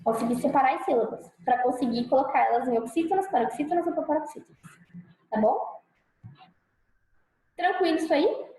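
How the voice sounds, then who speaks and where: A Brazilian woman teaching a grammar lesson, checking in with her students often and sounding out example words slowly and loudly. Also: high voice, echoey room, slight background noise, rough recording. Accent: Brazilian Portuguese. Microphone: clip-on mic.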